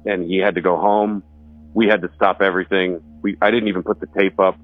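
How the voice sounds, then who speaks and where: Low-voiced man rambling through a story. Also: little pitch movement, brisk, no room sound, soft background music. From Texas. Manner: loose, rambling storytelling with restarts. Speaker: musician and homeowner telling a ghost story. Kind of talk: casual spoken recollection. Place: his house in the woods. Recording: dry, thin phone-like sound.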